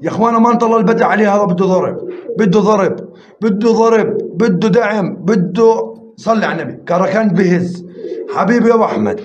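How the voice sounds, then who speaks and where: On a live stream, a man with a high, darkish voice runs a pigeon auction, counting bids rapidly and coaxing viewers to join in. The audio sounds roomy and slightly muffled, with faint noise and pigeons cooing behind him.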